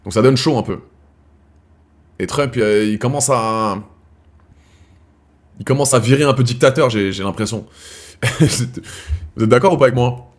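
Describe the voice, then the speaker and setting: A man's voice: mid-range voice, a little slow, pauses often. A man hosting a live chat show from France, talking casually and slangily to his viewers, calling them brothers and restarting his sentences as he rambles.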